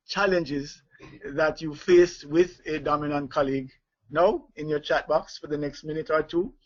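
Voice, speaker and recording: A man leading a live online leadership training, talking with many fillers, restarts and chuckles. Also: a little high. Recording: dull lo-fi webinar audio.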